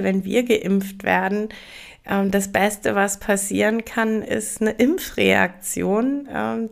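Woman host for a solo podcast: slow, hesitant, reassuring talk with a gravelly edge. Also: mid-range voice. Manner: hesitant, many filler sounds, gentle and reassuring. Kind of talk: casual explanatory podcast monologue.

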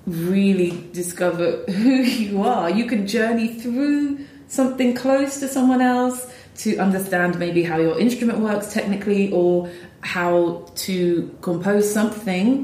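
A woman's voice: fairly low pitch, a little mellow, slight background noise. A woman composer talking thoughtfully in a conversation, with frequent ums and restarts. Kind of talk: reflective conversation. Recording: roomy echo.

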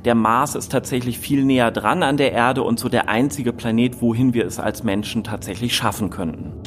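A man's voice: medium pitch, moderate pace. A male expert with a mid-range voice explains things to children in simple, informal terms. He is patient and plain-spoken, with faint noise in the background. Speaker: astronomy expert, interview guest.

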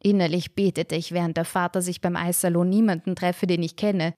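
A woman reading a first-person storybook aloud in a lively, wry way. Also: on the low side, brisk, dry recording, studio quality. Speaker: audiobook reader.

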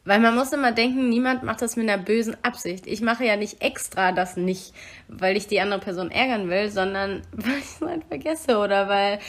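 A woman's voice: medium pitch, fairly quick. A woman co-hosting a podcast, talking casually and reflectively about relationships and acting out little quoted remarks. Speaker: podcast co-host.

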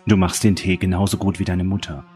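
A man's voice: low-pitched, level tone, fairly quick, a little mellow, faint music behind, close to an everyday voice. A man voicing a stern, insistent senator who worries about his grown daughter, in an audiobook. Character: older male senator, stern worried father.

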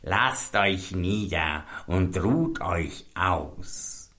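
A sly, wicked old witch, as a male storyteller puts her on, rasping out her lines in a slow, hushed, breathy whisper. She sounds falsely friendly and drags every word out. The delivery is quiet and creeping, like a storybook read aloud. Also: low voice, expressive, heavily acted.

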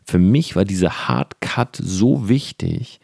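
A man's voice: low voice, lively intonation, slow, vocal fry, dark tone, husky, no echo, studio quality. A young man talking earnestly and directly to the listener in a casual motivational monologue, with fillers and the odd swear word.

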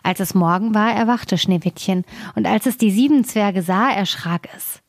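Woman storyteller, fairy tale reading, calm and measured, mid-pitched, dry close sound. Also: no room sound.

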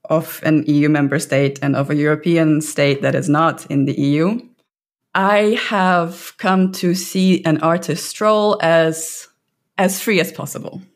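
A woman artist from Russia, speaking in a measured, thoughtful way on a panel. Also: low voice. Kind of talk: panel discussion.

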